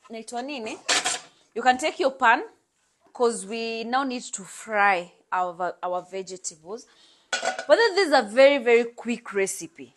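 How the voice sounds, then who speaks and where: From her bright home kitchen, a woman in her thirties with a Kenyan accent hosts a casual cooking demonstration, chatting freely with viewers in a mix of English and Swahili phrases. Her voice is on the high side with a fairly bright tone.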